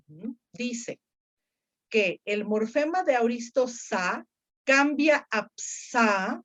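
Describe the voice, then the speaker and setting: A woman teaching Ancient Greek grammar, explaining patiently step by step and quizzing her students. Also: a little high. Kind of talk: online grammar lesson.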